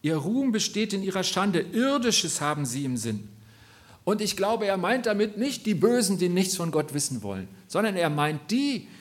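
A man's voice: high-pitched, big pitch swings, moderate pace. Earnest German-speaking preacher, man. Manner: earnest, appealing directly to listeners with questions. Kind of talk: sermon.

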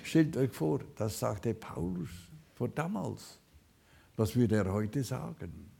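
Gravelly man preaching a fervent sermon. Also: mid-range voice, sing-song, slow pace, slight background noise. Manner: fervent, swings between loud calls and quiet asides.

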